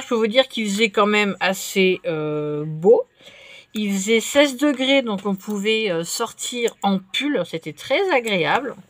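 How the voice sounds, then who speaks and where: A woman chatting casually while she crafts at her table, relaxed and full of fillers. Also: medium pitch. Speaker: craft vlogger.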